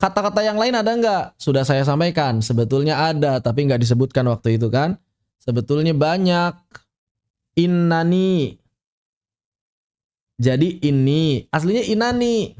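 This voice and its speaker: A man with a fairly high voice gives an online tajwid lesson. He explains each rule patiently and goes over it again, then recites Arabic examples to show it. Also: expressive, fairly quick, darkish tone. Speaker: Quran recitation teacher. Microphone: online class audio.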